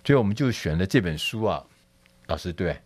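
A man's voice: sits low, expressive, a little fast, no room sound. A man hosting a radio book show in casual talk, with a habit of adding "哈" at the end of his sentences. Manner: chatty, frequent "哈" tags and fillers.

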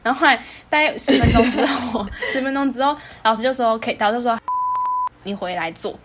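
A young woman in her twenties with a Taiwanese Mandarin accent, co-hosting a podcast and telling a story in casual chat, animated and laughing often. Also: fairly high pitch, brisk, noisy background. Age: 20s. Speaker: podcast co-host.

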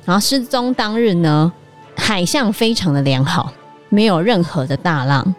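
A woman with a fairly low voice and a Taiwanese Mandarin accent lays out real cases on a casual podcast. Light music plays under her. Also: animated, normal speed. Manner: explanatory, recounting case facts. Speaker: podcast co-host. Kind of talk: casual book-club chat.

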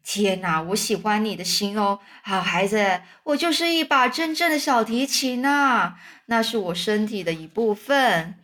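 A woman voicing a kind old male grasshopper who plays the violin, speaking gently and slowly, as in a children's storybook. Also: mid-range voice, close to an everyday voice. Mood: gentle. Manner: gentle, slow and patient explaining.

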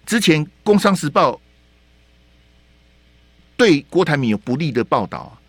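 激动连连发问的台湾口音男主持人. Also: male voice, a little high, sing-song, a little slow, a bit bright, dry recording. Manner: heated, rhetorical questions, repeats words. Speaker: radio talk show host. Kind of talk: opinionated political commentary. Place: radio studio.

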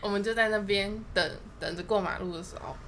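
A woman's voice: medium pitch, fast talker, a bit bright, slight background noise. Playful young woman podcast co-host. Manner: jumbled, playful retelling. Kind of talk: casual storytelling chat.

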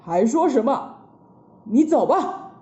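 A woman voicing a stern, righteous old male monk who speaks slowly and reproachfully. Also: sits high, sing-song, mellow, full character voice. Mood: cold. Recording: slightly dull lo-fi recording.

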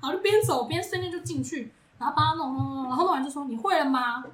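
A woman co-hosting a podcast, telling a workplace story in casual chat, animated and quick to laugh, acting out the people she quotes. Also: sits high, echoey room. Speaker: podcast co-host.

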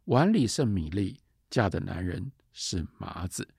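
A male lecturer voicing a sharp-tongued old female servant who nags and taunts with rhyming sayings. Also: low voice, big pitch swings, a little slow, creaky, slightly rough, no echo, clean studio sound, heavily acted. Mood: needling.

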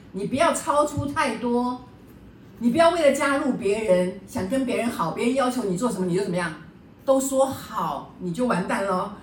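A woman's voice: a little high, recorded from a distance, a little hiss or hum. A woman teacher leading a book study class, lecturing in a chatty way and often checking in with the class through rhetorical questions. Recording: echoey room, voice a bit off-mic.

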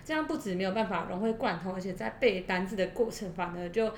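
Female co-host, Taiwanese accent, mid-range voice, chatty step-by-step explainer, roomy echo on the recording. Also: quick pace. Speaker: podcast co-host. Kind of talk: conversational educational discussion. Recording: roomy echo, faint noise and rumble.

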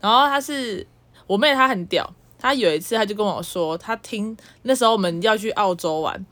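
A woman's voice: medium pitch, a little fast, a bit bright. A young woman with a Taiwanese Mandarin accent, co-hosting a casual chat podcast and teasing her sister, who laughs often. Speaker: podcast co-host. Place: indoors, on a bed.

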